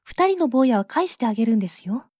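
Motherly Virgin Mary, soft admonishing manner, fairly high voice, woman narrator voicing her. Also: big pitch swings, fast talker, no echo, studio quality.

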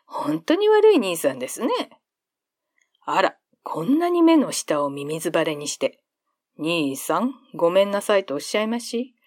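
A woman's voice: fairly low pitch, big pitch swings, normal speed, darkish tone, no room sound, clean studio sound. A woman voicing an old nursemaid who scolds the older boy and dotes on the baby, in old-fashioned polite speech. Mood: fussing.

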